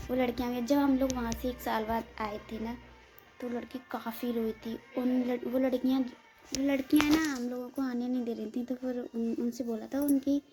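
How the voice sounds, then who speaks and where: A woman from northern India telling a rambling story to her viewers in a casual vlog, often calling them friends. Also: on the high side. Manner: chatty, rambling, keeps saying "friends" to viewers. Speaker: vlogger.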